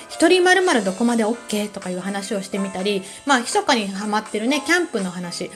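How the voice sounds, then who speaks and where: A woman from Kansai with a Kansai accent, hosting a relaxed solo talk show with a calm manner and many soft fillers. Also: a little high. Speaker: podcast host.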